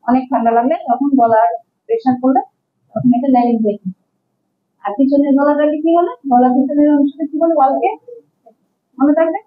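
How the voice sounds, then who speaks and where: Speaking in a high voice over narrow, tinny audio, a young woman with a Bangladeshi Bengali accent lectures a class as a medical instructor. She explains things patiently, poses questions, and repeats the key terms.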